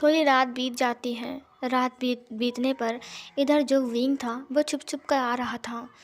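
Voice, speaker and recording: High-voiced woman telling a story. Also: unhurried. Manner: lively, conversational narration. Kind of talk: casual fan-fiction storytelling.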